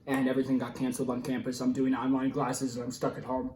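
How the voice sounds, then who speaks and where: A man's voice: medium pitch, monotone, fast talker, dark tone, distant mic, slight background noise. A young American man in his twenties gives candid, rambling, slangy answers in a casual interview while his mouth burns and his throat tightens from spicy food. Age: 20s. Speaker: YouTube vlogger being interviewed. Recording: roomy, echoey sound.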